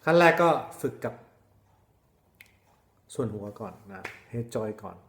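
A man's voice: fairly low pitch, animated, slow pace, very noisy. A man teaching flute basics step by step, patient and repeating key points with short check-ins. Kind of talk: step-by-step instrument lesson. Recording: roomy echo.

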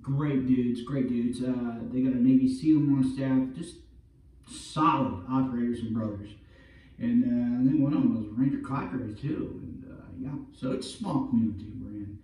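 A middle-aged man, a vlogger who campaigns for veterans' awareness, chats casually to a far-off camera in an empty carpeted room indoors. His mid-range voice is warm and moves at normal speed, and he keeps tossing in "look" and "all right." The distant camera mic picks up a roomy echo.

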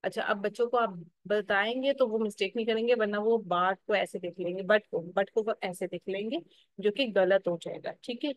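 A woman's voice: medium pitch, normal speed, dry recording, poor audio. Female phonics teacher, Pakistani Urdu accent, explanatory, stretches syllables, dry close sound. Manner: explanatory, checks in with "theek hai" often. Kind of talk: teacher-training lesson.

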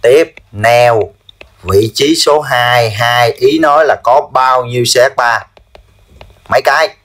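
Slow-talking male teacher. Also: mid-range voice, fairly bright tone. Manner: drills students with repeated quick questions. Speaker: chemistry teacher. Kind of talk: classroom lesson.

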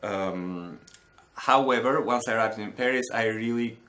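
A man from Albania with a low, bright and forceful voice, thinking aloud as he talks about his work. He halts often, restarting phrases and searching for words. He is seated in a book-lined room at home. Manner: thoughtful, halting, many restarts and fillers. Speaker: artist. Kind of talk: reflective interview monologue. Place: home studio with bookshelves, indoors.

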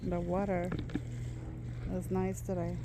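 A travel vlogger, a woman with a lowish, monotone voice, talks slowly yet chats casually and eagerly while filming, often breaking into exclamations. She's outdoors among the rocks of a seaside beach, holding the camera herself. Outdoor noise and lapping water can be heard.

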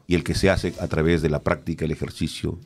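A middle-aged radio announcer, telling stories in an animated, expressive way during a casual conversation. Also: male voice, rumbling low, fast talker.

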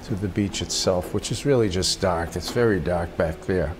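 Over a noisy background, a low-pitched older man walks through a relaxed watercolor lesson. His manner is unhurried, kind and encouraging, in the style of a patient painting teacher.

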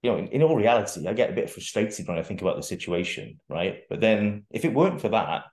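This young guy, a fitness coach appearing as a guest, talks in a loose interview chat over video, often starting over and dropping the occasional curse. He speaks quickly in a lowish, sing-song, slightly mellow voice, recorded indoors in an echoey, bare room at home.

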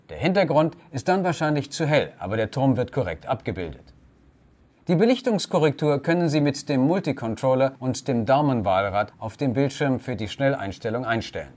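A man's voice: medium pitch, a little mellow. A man narrating a scripted camera tutorial, giving formal, polite step-by-step instructions. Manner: formal, addresses listener politely.

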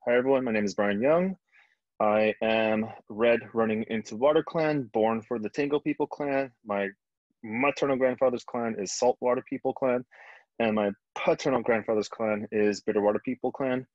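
A man from Arizona introducing himself as an author, relaxed and laughing easily, on a video call. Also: medium pitch, normal speed, no room sound, dull audio. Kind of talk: casual self-introduction.

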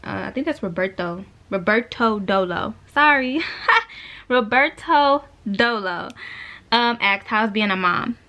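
In a small bedroom, a vlogger of twenty-one holds her camera at arm's length and responds to viewers' questions. Her medium-pitched voice is expressive, pushed and bright, and her pace is slow. She rambles in a laid-back, chatty way, leaning heavily on fillers such as "like" and "you know."

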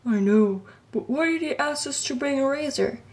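A woman plays an earnest action-figure friend in a homemade toy puppet show. The voice is somewhat high. The delivery is plain and sincere. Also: expressive, moderate pace, a little mellow. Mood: curious. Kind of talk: amateur toy puppet skit.

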